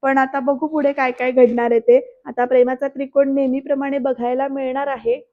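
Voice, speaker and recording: A woman's voice: sits high, level tone, brisk, narrow, tinny audio. A woman giving a voice-over recap of a serial episode, telling the story scene by scene and often speaking straight to the viewers. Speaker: serial reviewer.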